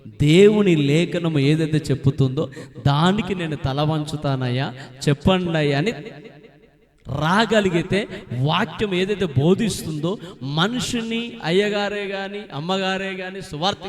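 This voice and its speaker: Male preacher, fairly high voice, call-and-response, shouted peaks and murmured asides. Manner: call-and-response, urging the crowd to answer loudly; swings from loud shouts to low, fast asides. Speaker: pastor. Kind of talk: sermon.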